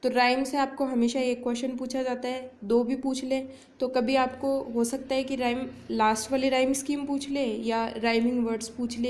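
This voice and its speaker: A woman teacher with a somewhat high voice and a dark, mellow tone, speaking in a flat, even way. She explains each point in Hindi, reads the definitions slowly, and answers her own questions. The voice-over is close and plain. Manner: asks questions and answers them herself. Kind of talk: exam-prep grammar lesson.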